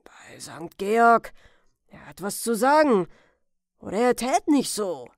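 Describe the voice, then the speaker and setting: A woman voicing a gruff, wary old farmer who calls out loudly in a storybook reading. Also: a little high, animated, measured pace, no echo, studio quality. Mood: gruff shouting. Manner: loud shouting. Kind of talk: audiobook character reading.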